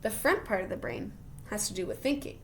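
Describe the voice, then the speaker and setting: At a brisk pace, a woman with a medium-pitched voice reads a children's science book aloud like a teacher. She's expressive and full of wonder, chatting encouragingly to young listeners along the way. A little hiss or hum can be heard.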